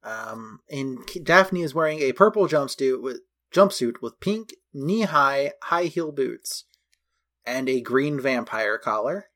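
A man's voice: mid-range voice, expressive, slow, a bit bright. A man co-hosting a casual film recap podcast, chatty and detailed, going through costumes item by item. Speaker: podcast co-host.

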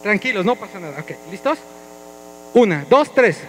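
A man, pitched very high, leads his congregation with an energetic, playful voice. His tone is bright and ringing as he coaxes the crowd along. A faint hum sits under the church sound. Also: normal speed, rough recording. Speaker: pastor. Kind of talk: interactive church sermon. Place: church hall.

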